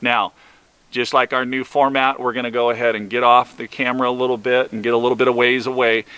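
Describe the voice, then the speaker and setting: Bright-voiced man reviewing hunting gear. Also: medium pitch, flat delivery, fast, clear, resonant tone, low-quality recording. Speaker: product reviewer of hunting calls. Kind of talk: casual instructional product review to camera.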